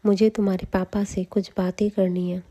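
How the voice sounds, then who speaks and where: A woman voicing a proud, bitter queen in a slow, flat storytelling recap. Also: medium pitch, natural voice. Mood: cold.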